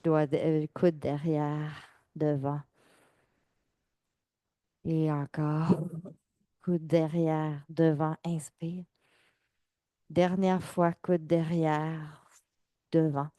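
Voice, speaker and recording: A woman fitness instructor, giving calm, measured exercise cues and counting reps. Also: low-pitched, no echo. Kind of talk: guided exercise class cues.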